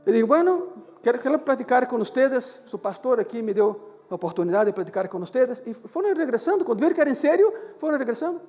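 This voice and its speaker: Pastor, animated storyteller in a sermon, echoing church hall with soft music. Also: male voice, extremely high pitch, quick pace. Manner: animated, acts out dialogue in the story. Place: church service.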